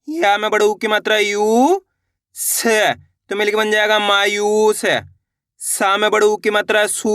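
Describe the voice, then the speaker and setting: Man slowly sounding out words. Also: high-pitched, sharp tone, smooth, dry recording, clean studio sound. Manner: sounds out letters slowly, stretching vowels; repeats each word after "how will we read it?". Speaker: Hindi reading teacher. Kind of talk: patient spoken lesson.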